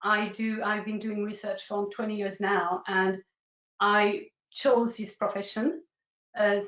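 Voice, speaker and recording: A woman's voice: medium pitch, dull audio. Woman, echoey call. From France. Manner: hesitant, many fillers. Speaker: guest, agency founder. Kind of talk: casual interview.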